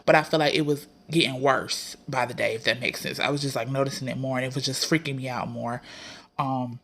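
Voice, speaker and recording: A woman's voice: a bass voice, steady tone, fairly quick, a bit bright. A woman vlogger giving a casual, conversational personal update, with a congested nasal sound as if her nose is packed.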